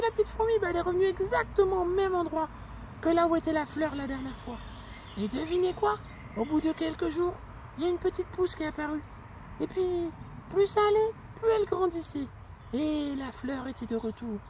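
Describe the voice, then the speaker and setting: A woman's voice: extremely high pitch, fairly quick, a little mellow, a little hiss or hum. A woman voicing a cheerful young male squirrel who tells a children's story in a chatty way, full of fillers. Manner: chatty, uses many fillers.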